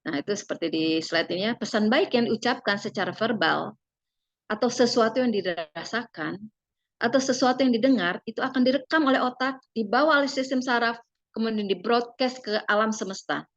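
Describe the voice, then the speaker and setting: A woman giving a parenting seminar with slides. She speaks gently and persuasively to parents and tags her phrases with fillers. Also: on the high side, a little fast, no room sound, muffled recording.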